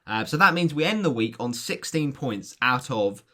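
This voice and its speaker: A man with a hoarse voice that is giving out, casually talking viewers through football predictions in an informal, chatty way. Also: mid-range voice, big pitch swings, moderate pace, sharp tone.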